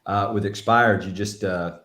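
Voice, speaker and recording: A man with a Southern Texas accent, a real estate agent talking casually and telling animated, folksy stories while coaching. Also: on the low side, measured pace, reverberant.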